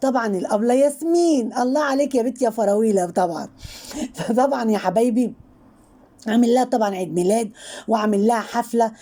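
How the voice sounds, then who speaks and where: A woman's voice: fairly high pitch, fast, mellow. A woman with an Egyptian accent hosting her channel, giving chatty, mocking gossip commentary and leaning on the same filler words again and again. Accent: Egyptian Arabic. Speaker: channel host commenting on online personalities.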